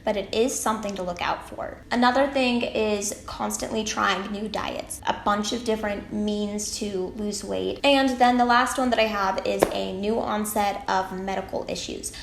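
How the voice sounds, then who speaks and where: A woman's voice: medium pitch, moderate pace, creaky, few pauses. Chatty teenage girl in an echoey room. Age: late teens. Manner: chatty, rambling, upbeat. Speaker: vlogger. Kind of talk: casual talk to camera. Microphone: camera mic. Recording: echoey room, faint background noise.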